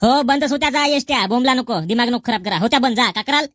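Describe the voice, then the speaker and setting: A woman's voice: fairly high pitch, fast talker, fairly bright tone, no echo, clean studio sound, natural voice. A woman playing a defiant young village daughter-in-law who snaps back at every jab. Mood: mocking. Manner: argumentative, snapping back. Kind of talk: rural comedy skit.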